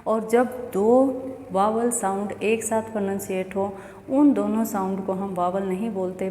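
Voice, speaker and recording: A woman teaching English pronunciation in a slow, repetitive classroom manner, asking rhetorical questions as she explains. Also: mid-range voice, darkish tone. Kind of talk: classroom-style lesson explaining phonetics. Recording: echoey room with long reverb, faint ambient noise.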